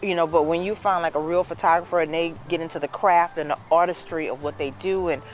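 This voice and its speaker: Brief: New woman, about fifty, animated storyteller, light background noise. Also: fairly low pitch, quick pace. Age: around 50. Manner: animated storyteller, lots of "you know". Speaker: guest, dress business owner. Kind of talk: casual interview chat.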